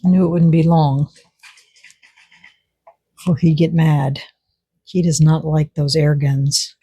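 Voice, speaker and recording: A woman's voice: low voice, little pitch movement, slow, mellow, husky, dry recording. A woman vlogger narrating casually as she works on a resin craft project, chatty and repeating words for emphasis.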